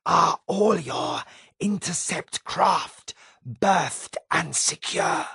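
A man reading an audiobook, voicing an alien male envoy with a rough, papery voice and a slow, formal delivery. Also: fairly high pitch, expressive, sharp tone, no echo, clean studio sound, voice pushed up, heavily acted. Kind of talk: audiobook character voice.

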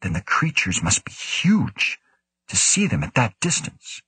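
An earnest, puzzled male scientist who speaks in a hesitant, wondering voice, read by a man in his own husky tone. The recording is dry and close. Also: lowish voice, wildly swooping pitch, unhurried, sharp tone, dry recording, heavily acted. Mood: uncertain.

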